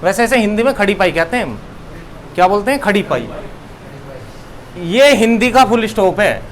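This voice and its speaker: High-voiced man teaching a lesson. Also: very animated, normal speed. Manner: repeats key words, asks and answers his own questions. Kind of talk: classroom lesson.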